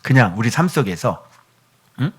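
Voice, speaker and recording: A middle-aged man preaching a sermon as pastor, animated, moving between hushed whispers and near-shouts. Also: mid-range voice, normal speed, breathy edge. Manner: acts out a doting father's voice.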